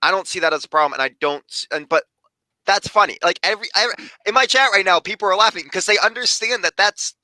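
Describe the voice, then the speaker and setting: A young man hosting a casual podcast, chatty and quick with asides, talking about his hobbies. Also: sits high, sharp tone, no room sound, poor audio. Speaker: podcast host.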